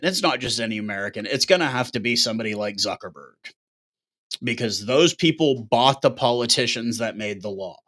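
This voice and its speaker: A man's voice: mid-range voice, fairly bright tone. A man hosting his own show, talking bluntly in a casual, ranting monologue with occasional swearing. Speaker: show host.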